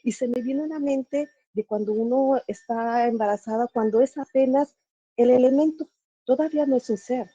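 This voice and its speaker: A middle-aged woman, sharing her experience in a group talk, halting and searching for words. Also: sits high, dark tone, no room sound, muffled recording. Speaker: talk participant.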